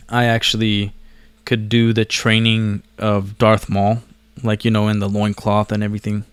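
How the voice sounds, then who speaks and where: A man born abroad who moved to the US as a child, with a first language other than English, vlogs casually to camera in a slangy, meandering, self-deprecating way. His voice is on the low side, clear and resonant, with no room sound.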